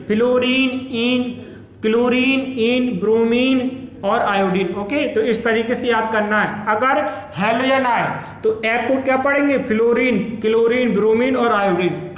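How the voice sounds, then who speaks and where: A man's voice: very high-pitched, reverberant. A male chemistry teacher giving a classroom lecture who repeats each term and keeps asking his students to say it back. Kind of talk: classroom lecture with call-and-response questions.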